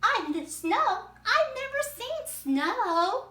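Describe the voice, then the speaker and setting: A woman voicing a cheerful young male alligator, speaking in an excited, high, drawn-out way during a read-aloud. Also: exaggerated voice. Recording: echoey room, mic at a distance.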